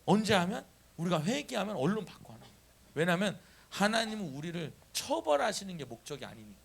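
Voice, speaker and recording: In a church sanctuary, a pastor preaches animatedly, calling on the congregation to answer him and repeat his words. His voice is high and slightly rough, with vocal fry, and he speaks fairly quickly.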